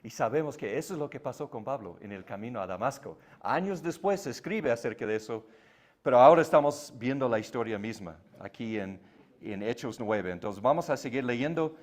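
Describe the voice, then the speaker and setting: Man, native English speaker, Bible class teacher, middle pitch, explanatory, tag questions. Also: animated, a little fast, darkish tone.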